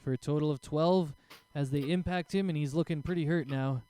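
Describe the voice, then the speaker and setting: A man's voice: fairly high pitch, fairly quick, warm tone, slight background noise. A man acting as game master, casually narrating a tabletop role-playing game.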